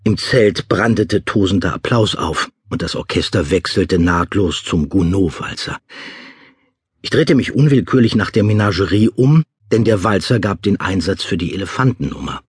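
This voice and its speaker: A man reading an audiobook in a measured, vivid storytelling manner. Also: low voice, lively intonation, husky, no echo, studio quality. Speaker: audiobook narrator. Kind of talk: scripted audiobook narration.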